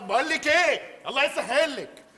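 A man's voice: very high voice, lively intonation, fairly quick, full character voice. An actor playing a mocking, paranoid male café worker in a live Egyptian stage comedy, ranting and accusing. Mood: sarcastic. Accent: Egyptian Arabic. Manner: sarcastic, escalating accusations, shouting rants. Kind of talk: live stage sketch acting. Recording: live theater stage, long reverb, audience.

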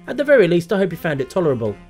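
A man's voice: high voice, wildly swooping pitch, racing, a little mellow, soft background music. A man in his thirties hosting a gaming show, delivering scripted comic commentary in a wry, sardonic manner.

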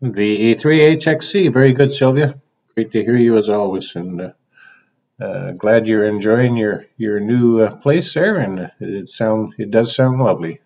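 A man running an amateur radio net, calling in stations on a thin shortwave radio signal that fades in and out. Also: fairly low pitch. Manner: easygoing, reads out call signs slowly in phonetic alphabet. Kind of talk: on-air radio net check-ins. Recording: narrow phone-like radio audio.

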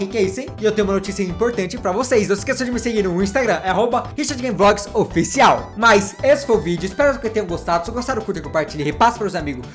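An excitable man with a high voice rattles off playful reactions to funny cat clips and teases himself as he goes. His tone stays light and chatty, like a channel host talking to his viewers, with soft music running underneath. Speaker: YouTube gaming host.

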